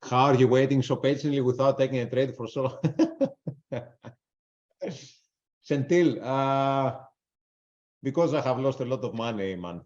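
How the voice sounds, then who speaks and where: Pausing often at a measured pace, a trader with a medium-pitched, darkish voice offers live commentary and audience answers in a webinar. His English carries a non-native accent, his style is blunt and casual with free swearing, and the audio is dull and lo-fi.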